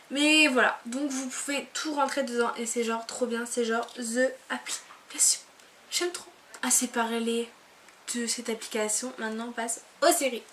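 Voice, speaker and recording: A young woman chatting casually to camera from her bed, relaxed and full of fillers. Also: on the high side, slight background noise. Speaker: vlogger.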